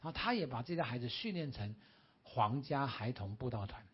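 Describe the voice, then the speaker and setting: Animated man preaching, husky voice. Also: mid-range voice, fairly quick. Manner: animated, asks the congregation questions. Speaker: guest preacher. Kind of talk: sermon. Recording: dull lo-fi recording.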